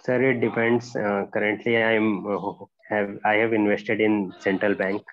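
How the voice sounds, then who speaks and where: A man's voice: on the low side, flat delivery, slight background noise. Hesitant young man, dull audio. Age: young adult. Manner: hesitant, deferential, halting. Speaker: mock interview candidate. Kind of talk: job interview answers. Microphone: earphone mic on a video call. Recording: dull lo-fi video call audio.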